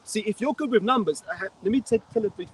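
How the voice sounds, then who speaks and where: Blunt London man with a high voice. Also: quick pace, slight background noise, poor audio. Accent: London English. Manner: blunt, profane, rambling storyteller. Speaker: street preacher. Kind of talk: outdoor religious talk, anecdote. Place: outdoors in a city street.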